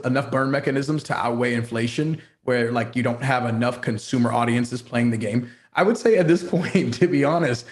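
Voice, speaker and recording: A man of middle pitch talks frankly and playfully as a podcast guest. He stays animated and throws in slangy asides as he makes his points. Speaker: guild founder guest. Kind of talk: casual chat.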